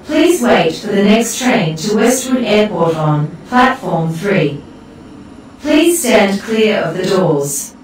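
A woman's recorded platform announcement rings out over a station loudspeaker. Her phrasing is clear and formal, with a lively, rising and falling pitch. Loud station noise fills the background. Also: takes it slowly, long pauses. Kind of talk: automated transit announcement. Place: airport train platform.

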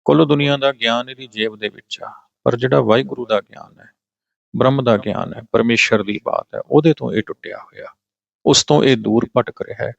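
A man with a Punjabi accent teaching a scripture passage. He chants the verses slowly, then patiently explains pronunciation and meaning. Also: mid-range voice, vocal fry, no room sound, dull audio. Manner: patient, corrects pronunciation step by step. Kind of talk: religious scripture exposition.

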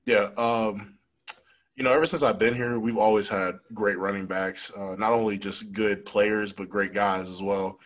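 In a fairly low voice with fairly even intonation, a young adult college football player fields reporters' questions after the game, speaking frankly and fast with lots of fillers. He sits at a desk microphone on a stand in front of a logo backdrop in the press room, and the recording is rough.

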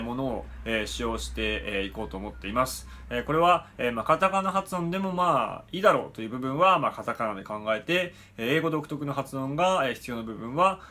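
A man's voice: mid-range voice, sharp tone. Filler-heavy Japanese man teaching pronunciation. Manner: frequent "eh" fillers, slow careful demonstrations. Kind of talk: spoken pronunciation lesson.

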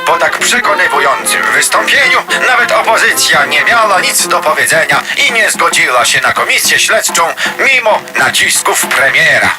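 A man's voice: on the high side, animated, moderate pace, hardly any pauses. A man narrating in the declamatory manner of an old-time newsreel announcer, solemn with an ironic edge. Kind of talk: scripted satirical narration. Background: music.

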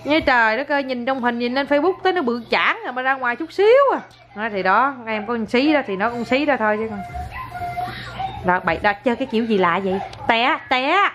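A woman's voice: fairly high pitch, animated, brisk, a bit bright, slight background noise. A Southern Vietnamese woman chatting and coaxing a toddler in a home video, exclaiming often. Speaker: parent filming a toddler.

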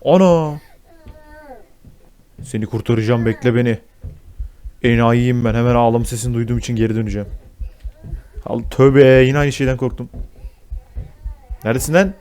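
A young man giving casual horror game commentary, swearing a lot and yelping and shouting when he gets startled. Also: mid-range voice, brisk, pauses often, clean tone. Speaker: gaming YouTuber.

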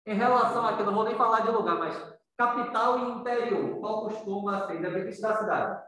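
A man's voice: high voice, a little fast, pushed and bright. A man teaching a class, chatting with his students, asking them questions and often adding "né". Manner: conversational, questions students, frequent tag "né". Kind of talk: interactive writing class on accents. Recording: very echoey room, distant mic.

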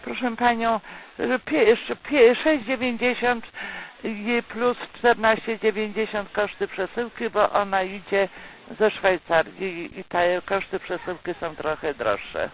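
A woman working as a telemarketer, delivering a polite, persuasive, partly scripted sales pitch and checking often for agreement. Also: a little slow. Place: recorded phone call. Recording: tinny phone line with loud noise.

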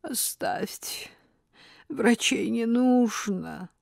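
A woman voicing a theatrical elderly woman who fakes a collapse, speaking in gasping, breathy, melodramatic whispers. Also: fairly low pitch, very animated, takes it slowly, a little mellow, no room sound, studio quality, exaggerated voice. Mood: weak whisper. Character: theatrical old woman faking a heart attack.

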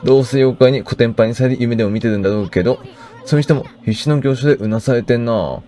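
A man reading aloud a cocky tiny male sidekick in a video game, rough-spoken and mocking. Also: medium pitch, very fast, mellow, lightly acted.

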